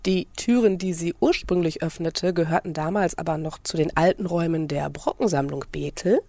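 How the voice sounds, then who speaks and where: Low, gravelly-voiced woman reading a radio feature. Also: brisk, mellow, dry recording. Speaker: radio reporter. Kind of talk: scripted radio feature narration.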